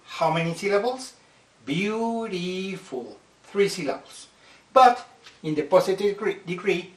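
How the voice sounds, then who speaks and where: English teacher, roomy distant sound. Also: male voice, a little high. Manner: slow, careful explanations, stretching out example words. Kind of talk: slide-based grammar lesson.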